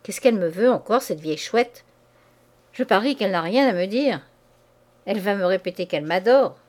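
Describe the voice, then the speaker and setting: A woman reading a novel aloud, giving voice to a brusque, scornful young man who talks roughly and impatiently. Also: medium pitch, animated, normal speed, darkish tone, close to an everyday voice. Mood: scheming.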